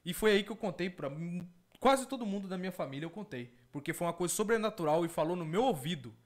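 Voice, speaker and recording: A man's voice: high-pitched, expressive, quick pace. A man, an evangelical host telling a testimony earnestly and often repeating his words. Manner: earnest, repeats words, calls listeners brothers. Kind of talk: testimony and reaction commentary.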